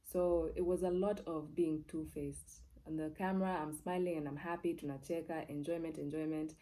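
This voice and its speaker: A TV presenter from Kenya, young and with a low, mellow voice, tells her own story at a moderate pace. The telling is candid and casual, expressive, with repeated words for emphasis and shifts between English and Swahili.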